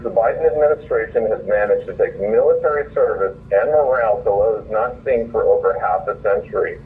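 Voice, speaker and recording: A medium-pitched man phones in, earnest and indignant, reading out an opinion essay he authored and then speaking informally. The call is muffled and distant, with a faint noise underneath.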